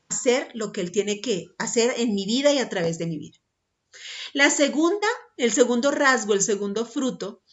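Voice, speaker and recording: A woman's voice: fairly high pitch, muffled recording. A woman preaching a sermon emphatically, repeating her points and checking in with the listener.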